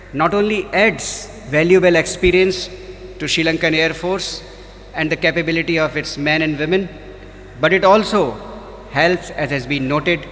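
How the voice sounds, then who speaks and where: A man with an Indian accent giving a formal ceremonial speech as a diplomat, measured and phrase by phrase. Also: fairly high pitch, a bit bright. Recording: reverberant hall, faint background noise.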